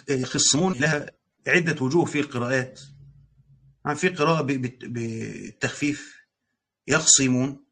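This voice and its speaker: A man's voice: mid-range voice, fairly bright tone. A man with an Egyptian accent teaching a lesson on Quran commentary, reading passages aloud and explaining them in casual speech with hesitant restarts. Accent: Egyptian Arabic. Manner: explains, reads passages aloud, then paraphrases.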